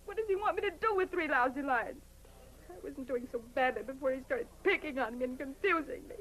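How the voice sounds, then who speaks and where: An actress playing a bitter, resentful young actress in a 1950s film, muttering angrily. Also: female voice, high-pitched, expressive, brisk, fairly bright tone, low-quality recording. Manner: angry, sulky muttering. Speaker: aspiring actress. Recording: faint noise of a 1950s film soundtrack.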